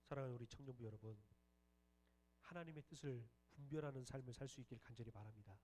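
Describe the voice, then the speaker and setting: A man's voice: mid-range voice, fast talker, a little mellow. A young man preaching a sermon as pastor, earnest and rising to fervent emphasis. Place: church worship hall. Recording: distant mic in a hall, faint hum.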